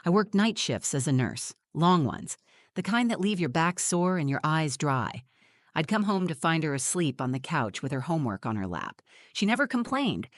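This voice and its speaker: A woman in her forties giving a measured, reflective first-person narration of a scripted story. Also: low-pitched, sing-song, dry recording, clean studio sound.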